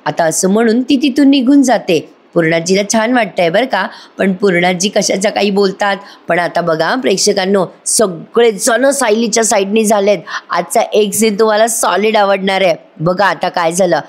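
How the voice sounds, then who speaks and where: A woman narrating a lively voice-over recap of a TV serial episode, acting out each character's lines. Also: medium pitch, moderate pace, hardly any pauses. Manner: lively storytelling, acts out every character's lines. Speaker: TV serial reviewer.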